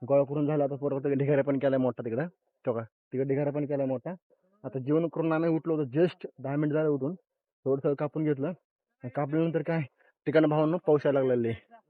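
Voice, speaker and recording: A young man, vlogging casually outdoors on a farm, talking excitedly to his viewers as brothers. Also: a little high, a little fast, phone-quality sound.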